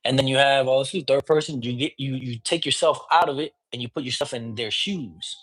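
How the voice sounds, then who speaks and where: Over poor audio, this man's medium-pitched, slightly bright voice moves a little fast as he teaches divination as a priest. The talk is relaxed and informal, mixing in Spanish and repeatedly checking in with "you get me?"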